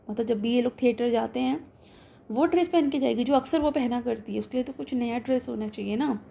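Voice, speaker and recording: A young Indian woman teaches a story line by line, reading the English slowly and then talking it through. Her voice sits fairly high but sounds mellow, with a gravelly fry at the ends of phrases and a faint hiss underneath. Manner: switches between reading English text slowly and explaining in Hindi. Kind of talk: line-by-line lesson explanation.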